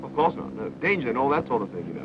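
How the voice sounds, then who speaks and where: An actor playing a bumbling, flustered upper-class sidekick in a 1930s film, chatty and exclaiming by Jove. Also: male voice, medium pitch, sing-song, racing, close to an everyday voice. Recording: dull old film soundtrack with hiss.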